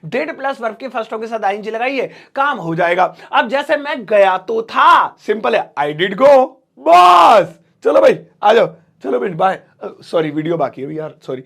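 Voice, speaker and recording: A man teaching English sentences in a casual, joking style, slowing down to repeat each drill example. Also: high voice, lively intonation, creaky, a bit bright. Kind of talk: casual Hindi English lesson.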